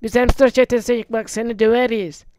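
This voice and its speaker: A man voicing a tough, threatening hamster gang thug in a game video, speaking in gruff threats. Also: very high voice, steady tone, a little fast, darkish tone, a little hiss or hum. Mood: menacing.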